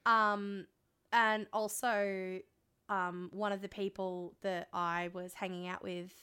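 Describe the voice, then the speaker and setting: An Australian woman co-hosting a podcast, hoarse and congested with a cold, telling frank, sweary, self-mocking anecdotes in casual chat. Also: mid-range voice, little pitch movement, slow pace, bright, forceful tone. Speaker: podcast co-host.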